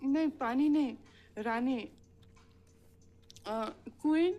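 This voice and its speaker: A woman's voice: high voice, very slow, mellow. An actress playing a shy young woman from India, speaking simply in a film scene. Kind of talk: film dialogue.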